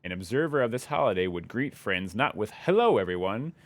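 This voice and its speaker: Young man, very low voice, casual live-stream chat, rambling, curious, thinks aloud. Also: animated, fairly quick, a bit bright, no echo.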